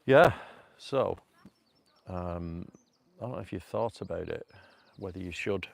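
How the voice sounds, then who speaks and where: Gravelly low Mancunian man, rambling outdoors. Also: unhurried, no echo. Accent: Northern English (Manchester). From North Manchester, England. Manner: rambling, chatty, laughs often, many fillers. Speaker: vlogger. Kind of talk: casual live stream talk. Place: outdoors at a rocky cove by a river. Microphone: phone on a selfie stick.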